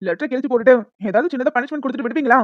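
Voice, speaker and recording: A man's voice: extremely high pitch, racing, dry recording. A man voicing a strict, dismissive school principal in a cartoon. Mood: stern. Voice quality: stern, dismissive. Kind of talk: cartoon voice acting. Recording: dull lo-fi dry recording.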